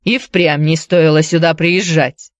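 A woman's voice: low voice, steady tone, a little slow, no echo, studio quality. A woman reading a story aloud, voicing a young male tavern keeper who speaks in a curt, defensive way. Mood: irritated.

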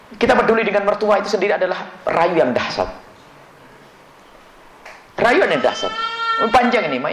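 Lively fast-preaching man in an echoey hall. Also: medium pitch. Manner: lively, quick preaching with acted-out quoted dialogues. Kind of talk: sermon. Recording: echoey hall with faint noise.

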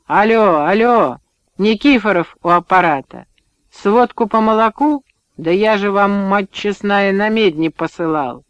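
A man's voice: sits high, measured pace, hardly any pauses, clear, resonant tone, no echo, pitched above the performer's own voice. Man doing an exasperated village chairman on the phone. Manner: loud, exasperated.

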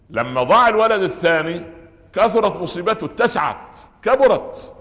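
A man preaching a Friday sermon in Egyptian Arabic, emphatic, swinging between loud high peaks and quiet low passages, asking rhetorical questions and answering them himself. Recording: echoey hall with long reverb.

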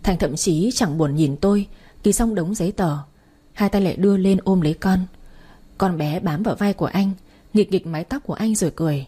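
A woman's voice: fairly low pitch, fairly quick, warm tone, slightly rough. A woman narrating a first-person audiobook in a grieving, emotional way.

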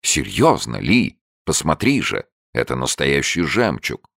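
A man reading an audiobook and voicing a brash young man who shows off his courage, bold and chivalrous, sharp when challenged. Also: a bass voice, wildly swooping pitch, measured pace, gravelly, dry recording, studio quality, heavily acted. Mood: gallant.

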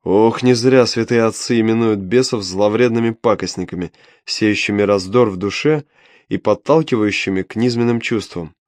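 A man's voice: fairly low pitch, moderate pace, a little mellow, dry recording, studio quality. A man narrating an audiobook in the first person, with a wry, ironic storytelling manner.

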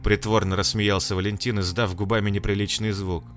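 A man's voice: fairly low pitch, a little fast, soft background music. Man narrating a dramatic audiobook. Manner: expressive reading with acted dialogue.

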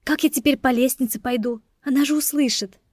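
A woman voicing a playful, lively young woman who frets easily. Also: high-pitched, no room sound, studio quality, voice pushed up. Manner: lively, playful, quick to worry.

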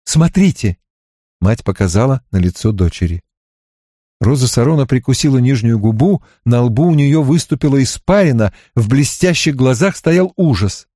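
A man narrating a novel as an audiobook in an expressive, measured reading. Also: mid-range voice, dry recording, studio quality.

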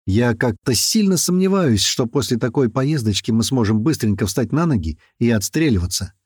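Male narrator, mid-pitched, dry close-mic read, lively character switches. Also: normal speed, breathy edge, no room sound. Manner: lively, raising pitch and shouting for quoted characters. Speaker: audiobook narrator. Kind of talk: first-person audiobook narration with character voices.

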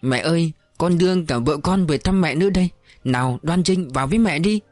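A man's voice: on the high side, expressive, brisk, darkish tone, no echo, soft background music, lightly acted. A man reading as an emotional young soldier son. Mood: tearful. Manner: earnest, emotional.

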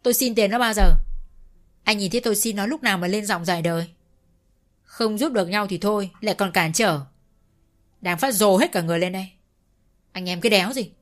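A woman's voice: medium pitch, fairly quick, pauses often, natural voice. Woman playing a surly, defiant young man. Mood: defiant angry. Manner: defiant, shouting.

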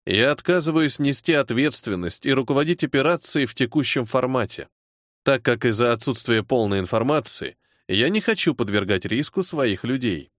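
A man's voice: mid-range voice, lively intonation, normal speed, a bit bright, no echo, clean studio sound, natural voice. A man voicing a hot-tempered major in his forties who speaks in clipped, caustic tones while holding back anger. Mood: restrained anger. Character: angry disciplined male major, forty-two, hot-tempered.

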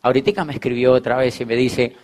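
Giving a network marketing pep talk, a man with a medium-pitched voice speaks quickly and animatedly, spinning stories full of playful teasing while voicing both parties in the dialogues.

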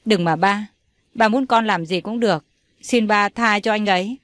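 A woman's voice: medium pitch, normal speed, a bit bright, no echo, close to an everyday voice. Woman voicing a tearful young daughter. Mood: desperate. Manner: tearful, imploring.

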